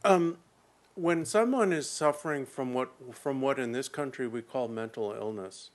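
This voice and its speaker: A man interpreting a Buddhist teacher's words into English in a measured, explanatory way, pausing now and then. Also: medium pitch. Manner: measured, explanatory, with occasional pauses.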